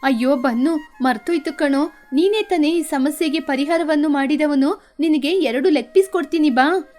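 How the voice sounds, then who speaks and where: A poor, loving mother bird in a cartoon, voiced by a woman. She speaks tenderly, with a worried and motherly softness, in a fairly high voice. Light music plays underneath. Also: normal speed, close to an everyday voice. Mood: warm. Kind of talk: cartoon voice acting.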